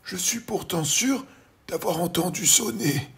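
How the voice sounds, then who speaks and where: A man voicing a kindly, puzzled gentleman in a children's audiobook, hesitating with drawn-out ums. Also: high voice, lively intonation, voice pushed up, full character voice.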